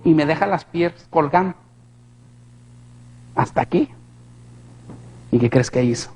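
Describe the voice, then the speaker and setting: A man tells his testimony in church with a high, husky voice. His tone has a gravelly grain, and he tells the story vividly and keeps turning to the listeners with direct questions. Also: lively intonation, unhurried, a little mellow. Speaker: guest giving testimony in church. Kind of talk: dramatic personal testimony.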